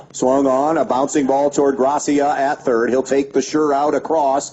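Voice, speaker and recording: A man calling a high school baseball game play by play on local radio, giving steady pitch-by-pitch calls with stats between pitches. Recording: dull lo-fi radio broadcast with faint background noise.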